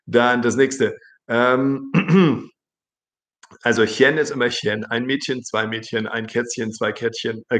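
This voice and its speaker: A middle-aged male teacher with a gravelly, slightly creaky voice at an ordinary pitch. He reads viewer comments off the screen one after another, correcting the grammar in a friendly, chatty way. He is recorded through a webcam at desk distance in a living room. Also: a bit bright. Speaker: German teacher. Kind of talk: live-stream lesson reading viewer comments. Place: indoor living room with a large plant.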